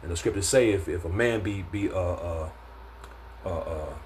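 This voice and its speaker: A man's voice: low voice, normal speed, a little mellow, a little hiss or hum. A man giving an informal scripture lesson in a laid-back way, stumbling often and filling gaps with "man" and "uh". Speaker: religious teacher.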